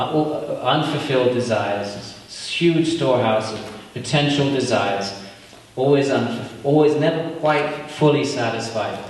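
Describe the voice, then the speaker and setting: A man teaches yoga philosophy at a retreat in an easy, conversational way, often checking in with his audience. His mid-pitched voice is picked up from far off. It rings with long reverb in a big hall over a faint hiss.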